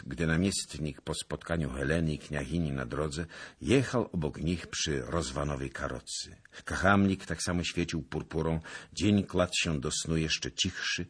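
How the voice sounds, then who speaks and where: A man narrating an audiobook in a dramatic, expressive reading style. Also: a bass voice, measured pace, breathy edge. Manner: expressive, swelling with the action.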